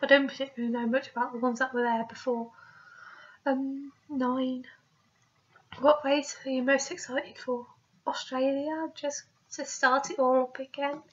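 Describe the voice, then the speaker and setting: A young woman speaks in a high voice while suffering from a cold. She rambles casually through questions in a self-deprecating way. The sound is lo-fi and slightly muffled, picked up by a webcam microphone in a small room. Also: little pitch movement, moderate pace, a bit bright. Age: young adult. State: has a cold. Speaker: vlogger. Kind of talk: casual question-and-answer vlog. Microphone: webcam microphone at arm's length. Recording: dull lo-fi laptop webcam audio.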